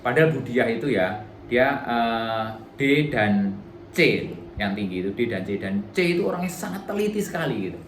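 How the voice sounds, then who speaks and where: Speaking in a mid-range voice at normal speed, this middle-aged workshop trainer is expressive as he chats casually through a relationship seminar before a live audience. He acts out short dialogues along the way, and a faint hiss or hum sits under the audio.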